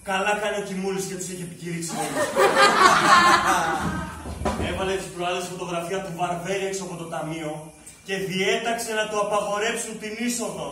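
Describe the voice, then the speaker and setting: Guy ranting sarcastic monologue on stage, super high voice, far from the mic in a really echoey hall. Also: steady tone. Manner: bitter, sarcastic ranting, swings from shouting to muttering. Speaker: stage actor performing a monologue. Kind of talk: live theatre monologue. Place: drama school stage. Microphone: far room mic. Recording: very echoey distant stage recording with noise. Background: audience laughter.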